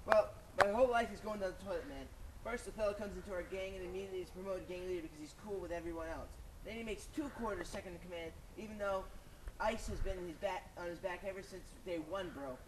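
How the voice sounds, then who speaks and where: A man's voice: high-pitched, fast talker, natural voice. A man playing a jealous, scheming gang member in a homemade comedy skit, talking in slang and griping. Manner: slangy, complaining. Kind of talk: amateur comedy skit acting. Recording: noisy homemade recording.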